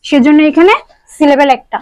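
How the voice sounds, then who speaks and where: A woman teaches English grammar. She goes step by step and mixes English terms into her talk. Her voice is high and sits dry and close to the mic. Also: fairly quick, darkish tone, no echo, rough recording. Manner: explains step by step, asks students questions. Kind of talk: online grammar lesson.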